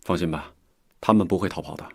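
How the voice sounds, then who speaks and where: An actor playing a calm, stern deputy commander and father, curt and dismissive. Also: deep voice, fast, gravelly, no echo, studio quality.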